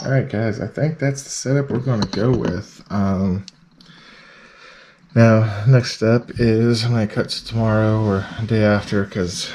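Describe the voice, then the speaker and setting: A man's voice: lowish voice, fairly even intonation, measured pace, over music. A man giving a casual how-to vlog, laid-back and thinking aloud as he goes. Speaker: vlog host.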